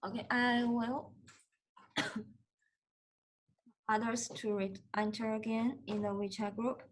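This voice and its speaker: A woman teacher, speaking slowly in a somewhat high voice. Her voice comes over an unstable online call, fading and cutting out. She talks patiently, with many fillers. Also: level tone, slight background noise, poor audio. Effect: unstable online call audio, dropping out and fading. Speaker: math teacher. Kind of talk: online math lecture. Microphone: video call.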